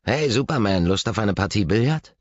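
A man's voice: on the low side, lively intonation, moderate pace, no echo, voice pushed up. A man reading an audiobook, voicing a breezy, teasing brother in a casual, jokey way. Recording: slightly dull recording.

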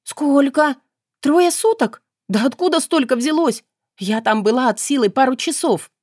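A woman voicing a brash, impulsive young heroine with high, loud, excitable exclamations. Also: normal speed, no room sound, studio quality, natural voice. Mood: excited.

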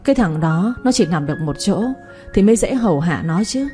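A woman's voice: on the low side, expressive, a little fast, mellow, soft background music, close to an everyday voice. A woman voicing a bossy, scheming middle-aged stepmother who scolds and wails theatrically in a storybook reading. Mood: scolding.

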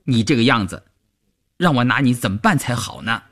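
A man's voice: mid-range voice, animated, brisk, fairly bright tone. A man playing a teasing, easily flustered teenage boy soldier in a raised, youthful voice. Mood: exasperated.

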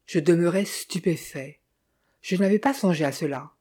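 A woman reading a novel aloud as narrator, in a measured, literary way. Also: fairly low pitch, dark tone, breathy edge. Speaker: audiobook narrator. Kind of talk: scripted narration.

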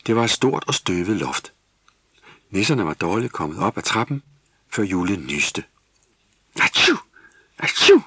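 A man narrating a Christmas children's story in steady, scripted storybook style. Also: deep voice, husky.

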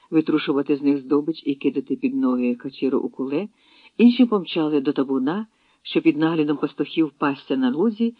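A man reading a historical novel aloud in steady scripted narration. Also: a little high, dry recording. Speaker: audiobook reader. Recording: tinny phone-like dry sound.

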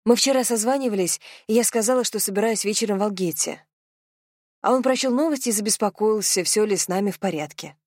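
A woman's voice: mid-range voice, fast talker, few pauses, darkish tone, dry recording, clean studio sound, voice pushed up, close to an everyday voice. A woman voicing a young, anxious bride-to-be in an audiobook, speaking in a raised, flustered voice. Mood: careful.

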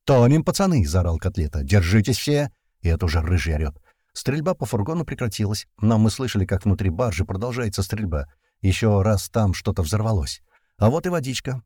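A man's voice: on the low side, husky, no echo, clean studio sound. A man narrating a first-person action audiobook in a tense storytelling manner. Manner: tense storytelling with shouted commands.

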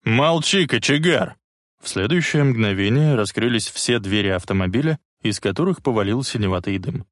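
A man reading a novel aloud in an even, measured storytelling manner. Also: on the low side, dry recording, clean studio sound. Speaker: audiobook narrator. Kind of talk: scripted narration.

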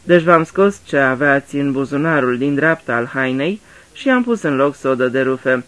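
A man's voice: medium pitch, expressive, a bit bright, close to an everyday voice. A man voicing Poirot, a fussy, courteous older detective, in a radio drama reading, talking patiently like a teacher. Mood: patient explaining. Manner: polite, patient, explaining like a teacher.

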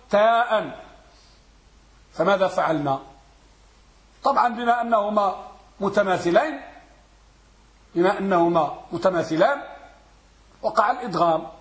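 A man teaching Arabic grammar in a classroom, quizzing his students and repeating words slowly to drill them. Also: high-pitched, fairly bright tone, reverberant. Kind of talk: classroom lesson with questions to students.

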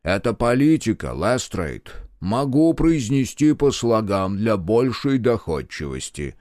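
A man voicing a cold, ironic senior official who speaks with quiet menace, in an audiobook. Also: on the low side, big pitch swings, measured pace, dry recording, studio quality. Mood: mocking menace. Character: stern, sarcastic senior government official, older man.

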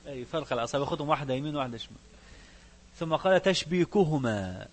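A man's voice: on the high side, very fast. A man with an Egyptian accent teaching a religious lesson, shifting between classical recitation and colloquial asides and putting questions to his students. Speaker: sheikh teaching a fiqh book.

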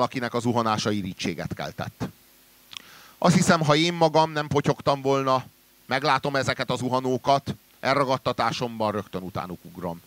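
A man reading a literary story aloud in a measured way, trailing low and quiet at the ends of sentences. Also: no room sound. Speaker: reader.

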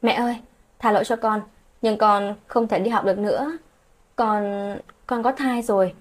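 A woman voicing a tearful teenage daughter who speaks hesitantly and begs her mother, in a husky voice. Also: medium pitch, fairly even intonation, normal speed, lightly acted. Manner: hesitant, pleading. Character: pregnant teenage girl, tearful and pleading.

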